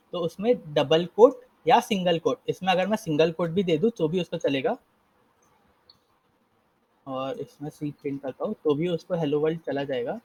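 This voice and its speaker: A man's voice: fairly high pitch, a little mellow, husky. A young man casually teaching a live coding lesson, explaining step by step and often correcting himself. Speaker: coding instructor.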